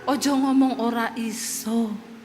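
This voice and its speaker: A woman voicing her easygoing Javanese husband, who speaks softly and slowly with a falling tone. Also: very high voice, steady tone. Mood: gently pleading. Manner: soft, slow, falling-tone speech. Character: easygoing Javanese husband, soft-spoken and unhurried. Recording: long hall reverb with faint music.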